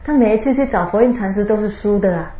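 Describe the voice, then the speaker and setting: A woman giving a Buddhist dharma talk, telling a Zen story with drawn-out particles and laughter. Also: medium pitch, mellow. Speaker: Buddhist teacher. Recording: roomy, dull lo-fi recording.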